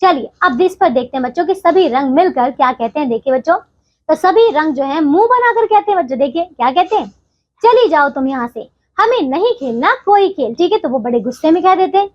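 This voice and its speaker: A woman teacher walks children through a textbook story, checking in with them often. Her voice is high and very lively in pitch. The recording sounds somewhat dull and lo-fi. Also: fast. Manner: explaining, frequent check-ins with the children.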